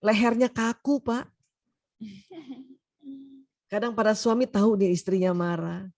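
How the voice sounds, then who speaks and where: A woman doctor giving a humorous seminar lecture, lively and teasing, often acting out quoted voices. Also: mid-range voice, measured pace.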